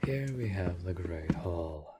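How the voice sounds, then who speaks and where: In an immersive audio roleplay addressed to the listener, a man plays a centuries-old vampire master, a courteous, possessive and protective lord of his manor. He speaks formally, measured and deliberate, his deep, expressive, breathy voice often sinking toward a whisper, calm and courteous, though loud background noise intrudes.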